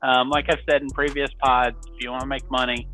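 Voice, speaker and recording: A man's voice: mid-range voice, little pitch movement, fairly quick, pushed and bright, faint music behind. A man hosting a casual sports betting podcast, upbeat and chatty, laughing often. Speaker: podcast host.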